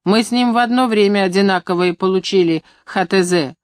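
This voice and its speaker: A woman's voice: mid-range voice, brisk, no echo, clean studio sound, close to an everyday voice. A woman reading the part of a small, aggrieved male tractor driver complaining about unfair treatment. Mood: resentful. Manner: complaining, resentful.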